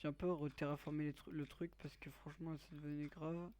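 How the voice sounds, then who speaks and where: A man's voice: a little high, level tone, brisk, a little mellow, a little hiss or hum. A man giving let's play commentary, joking crudely and teasing his viewers. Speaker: gaming YouTuber.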